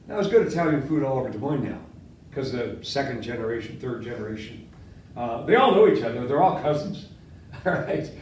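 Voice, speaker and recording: An older Latvian-born history professor, Latvian being his first language, lectures in a seminar room with a whiteboard, quizzing students and gesturing animatedly. His voice is medium-pitched and fairly quick, picked up by a far-off camera in an echoey classroom with slight background noise.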